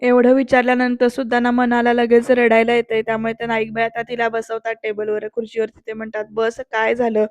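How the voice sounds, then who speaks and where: A woman narrates a chatty voice-over recap of a TV serial episode and speaks straight to her viewers. Her voice is high and moves in a narrow band. The recording is close and dry. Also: monotone, fast talker, few pauses, no echo. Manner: chatty, addresses viewers directly.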